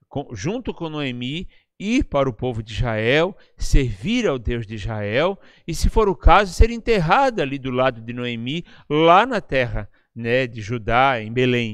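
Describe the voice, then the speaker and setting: A man's voice: medium pitch, no echo, studio quality. A man with a Brazilian Portuguese accent preaching a sermon in a conversational, teaching way, often checking in with his listeners. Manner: chatty, tags lines with questions to the listeners. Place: church service, live-streamed.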